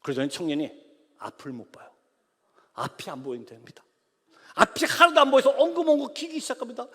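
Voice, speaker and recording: A missionary man preaching a sermon in a church, telling a story with passion and rising to shouts. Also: extremely high pitch, wildly swooping pitch, a little fast, husky, big-room sound. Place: church sanctuary.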